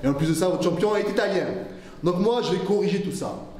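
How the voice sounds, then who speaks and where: A man's voice: high voice, fast talker, darkish tone, heavy reverb, a little hiss or hum. A man from Marseille cutting a wrestling promo with joking, sarcastic asides. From Marseille, France.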